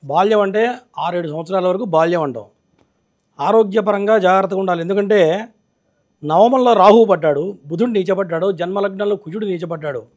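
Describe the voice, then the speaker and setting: A man with a high voice who talks fast, answering callers as an astrologer. He lectures with authority and keeps asking callers to agree with him, in the style of a live call-in consultation. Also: a little mellow.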